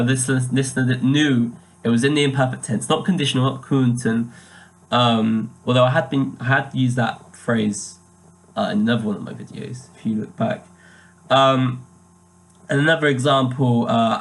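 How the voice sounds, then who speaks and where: Hesitant young student. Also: male voice, mid-range voice. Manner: hesitant, many ums and restarts, slows to sound out German words. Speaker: language student. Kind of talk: spoken coursework reflection. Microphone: webcam.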